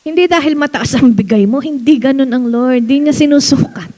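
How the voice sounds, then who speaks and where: A woman pastor preaching a sermon in church, animated, slowing down to read verses and laughing often. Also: high-pitched. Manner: animated preaching mixing Tagalog and English, reads verses slowly, laughs often.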